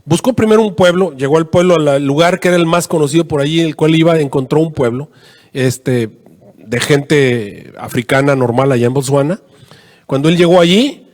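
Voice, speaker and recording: A man preaching a sermon as a pastor, telling a story with animated quoted voices and frequent fillers. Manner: animated, rising to high pitch in quoted prayers, many fillers "este". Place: church. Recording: long reverb in a church hall.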